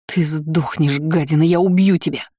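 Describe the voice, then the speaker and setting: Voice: mid-range voice, normal speed, mellow, dry recording, studio quality, close to an everyday voice. A reader voicing a young heroine who talks urgently and accusingly. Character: young heroine, defiant and angry vampire girl.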